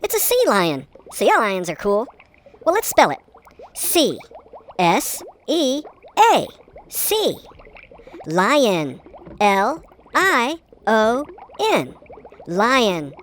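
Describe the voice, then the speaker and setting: A woman hosting a children's spelling video, giggling often and talking in an excitable, sing-song way. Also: a little high, very slow, pauses often, a little hiss or hum. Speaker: host of a kids' spelling video. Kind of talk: playful children's spelling narration.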